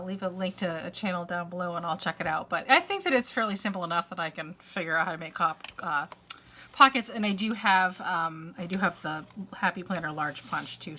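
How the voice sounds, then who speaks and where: A middle-aged woman, a crafter and vlogger, films at home indoors in a long, rambling, casual chat. Her voice sits fairly low and sounds pushed and bright, thick with congestion as she fights a dry cough, full of uhs and restarts. There is slight background noise.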